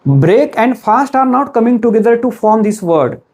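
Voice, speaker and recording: A man's voice: very high-pitched, big pitch swings, darkish tone. A man with an Indian accent teaching English pronunciation, mixing Hindi and English and quizzing the viewer. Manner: slow, deliberate delivery. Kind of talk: classroom-style pronunciation lesson.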